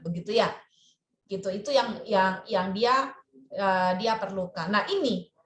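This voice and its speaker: A woman therapist speaking at an online parenting seminar, talking in an animated, expressive way and repeating her key phrases. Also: a little high, slight background noise. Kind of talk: webinar talk over video call. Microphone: video call. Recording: roomy video-call audio.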